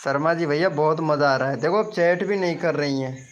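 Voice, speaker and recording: Guy on a live stream chatting and joking with viewers, kinda high voice, muffled lo-fi audio. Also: fairly quick. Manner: chatty, teasing banter with viewers. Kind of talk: casual live-stream chat.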